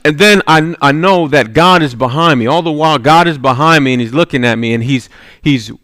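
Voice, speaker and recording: A man's voice: a little high, brisk, pushed and bright, dry recording. A man preaching a sermon, telling a personal story and checking in with the congregation as he goes, often with "right?". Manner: storytelling, with rising intensity and repeated "right?".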